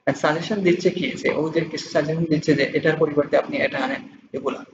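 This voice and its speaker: A young man talks fast in a somewhat high voice, walking learners through a lesson. He circles back and restarts often, then slows right down to read English sample answers. The recording sounds dull and lo-fi, with clear background noise. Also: fairly even intonation. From Bangladesh. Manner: reads English example answers slowly and deliberately, then explains; loose, repetitive explaining with many restarts. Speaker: English exam tutor. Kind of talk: casual screen-walkthrough tutorial.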